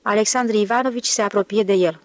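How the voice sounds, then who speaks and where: A woman's voice: mid-range voice, no echo. Woman narrating an audiobook. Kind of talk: scripted narration.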